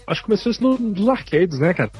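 A man's voice: sits high, big pitch swings, rapid-fire, breathy edge, highs cut off, soft background music. A man on a podcast panel, agreeable and eager to chime in. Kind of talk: casual chat.

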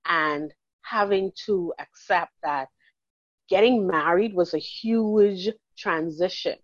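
A Bahamian woman in her forties, a counselor talking warmly and chattily in an interview, laughing easily. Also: fairly low pitch, slow, no echo, highs cut off. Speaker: counselor and guest. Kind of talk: casual interview conversation.

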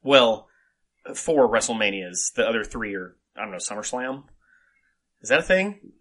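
A man hosting a podcast in casual chat, emphatic and halting, repeating himself and swearing freely. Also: lowish voice, animated, a bit bright. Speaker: podcast host.

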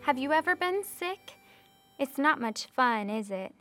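A young woman with a high, bright voice, talking slowly and sweetly to small children. She has a cheery sing-song manner, and soft music plays underneath. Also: expressive. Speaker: children's librarian host. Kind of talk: children's video presenting.

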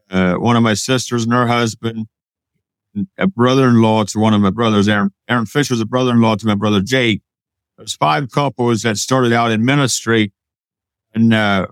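A man's voice: mid-range voice, smooth, dry recording. A man from Pennsylvania, a guest on an interview show, recounting his past in a plain, matter-of-fact way. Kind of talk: casual interview storytelling.

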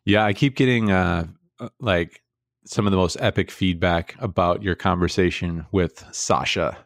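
A man's voice: deep voice, moderate pace, dry recording, studio quality. A young man co-hosting a podcast, talking casually in a rambling way with lots of fillers. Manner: rambling, many fillers and restarts. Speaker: podcast co-host.

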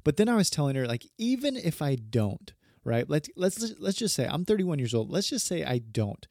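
A man's voice: a little high, big pitch swings, normal speed, a little mellow, dry recording, clean studio sound. A man in his thirties, a pastor hosting a podcast, talking casually in a rambling, earnest way and often correcting himself. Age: 30s.

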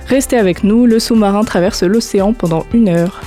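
A woman hosts a live radio show from a studio, her voice mellow and warm. She reads her introductions smoothly and chats with her guests in a friendly way. Faint music sits in the background. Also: mid-range voice, brisk.

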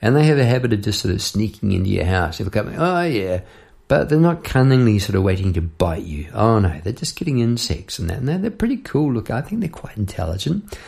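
Gravelly New man spinning a yarn. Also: on the low side, big pitch swings, fairly quick, darkish tone. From New Zealand. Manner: chatty, rambling, laughs between lines. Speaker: podcast host and songwriter. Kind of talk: casual storytelling monologue.

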